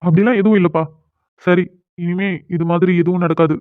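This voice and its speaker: Man playing a young man, cartoon drama, fast blunt talk, tinny phone-like sound. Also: high-pitched, steady tone, no room sound, close to an everyday voice. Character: young man, proud and quick-tempered.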